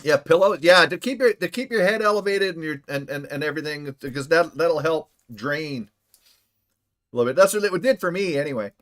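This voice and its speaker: Streaming a game from home, a man chats casually and playfully with his viewers, even making up silly words. His voice is on the high side and fairly bright, and he talks briskly.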